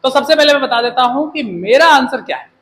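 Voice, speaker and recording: High-voiced Hindi-speaking male teacher. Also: brisk, rough recording. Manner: animated, jokey, asks rhetorical questions. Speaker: English teacher. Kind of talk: classroom lecture. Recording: faint background noise.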